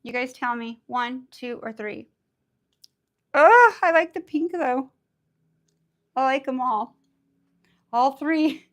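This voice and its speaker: A woman with a raspy voice, under the weather, teaching nail art in a bubbly, chatty live tutorial. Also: sits high, lively intonation, slow pace, long pauses. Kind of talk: casual live tutorial chat.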